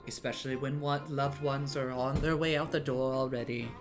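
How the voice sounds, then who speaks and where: A man talking in a flat, robotic monotone, serious and measured, as casual commentary while he draws. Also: medium pitch, music in the background.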